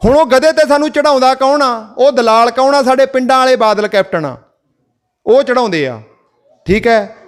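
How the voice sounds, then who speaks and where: A man's voice: very high-pitched, animated, moderate pace, smooth. A man with a Malwa Punjabi accent speaking to villagers, asking rhetorical questions and telling folk parables. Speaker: activist speaker. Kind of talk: village public address.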